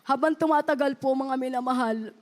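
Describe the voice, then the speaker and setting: A woman's voice: high-pitched, fairly quick. A woman giving an earnest, polite testimony to a church congregation, often addressing them as beloved. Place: church service.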